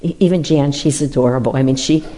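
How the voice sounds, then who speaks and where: A woman's voice: a bass voice, fast, warm tone. A woman leading a Sunday service in a large church, giving an informal, conversational sermon full of self-deprecating stories.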